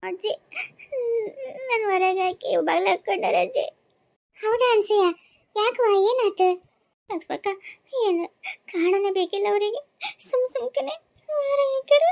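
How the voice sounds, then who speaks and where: A woman's voice: very high-pitched, measured pace, vocal fry, long pauses, darkish tone, no echo, clean studio sound, exaggerated voice. A woman voicing a crying young wife in a cartoon, pleading tearfully in a North Karnataka Kannada accent.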